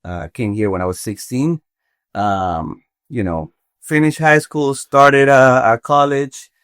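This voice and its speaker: This forties-aged Venezuelan contractor, guesting on a podcast, speaks in a halting, reflective way, thinking out loud with frequent restarts during casual interview talk. His mid-range voice is slightly bright and clean, with no room sound in the clean studio audio.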